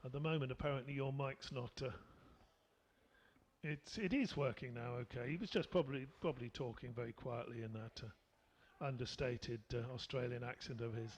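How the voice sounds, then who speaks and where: A man's voice: medium pitch, moderate pace, slight background noise. A man doing live cricket commentary, chatty and rambling with lots of fillers, from a commentary position at the ground.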